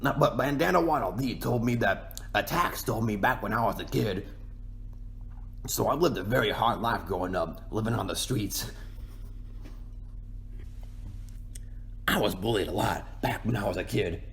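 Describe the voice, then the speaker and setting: A man voicing a self-pitying, boastful cartoon penguin king in a folksy, rambling ASMR roleplay monologue, with a gravelly, creaky voice. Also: on the low side, normal speed, a bit bright, a little hiss or hum. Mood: boastful, aggrieved, then subdued, wistful.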